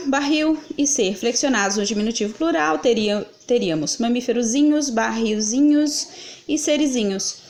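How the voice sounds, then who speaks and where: A woman explaining grammar answers as a teacher, patiently asking questions and answering them herself. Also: on the high side. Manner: patient, asks and answers her own questions. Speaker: Portuguese teacher.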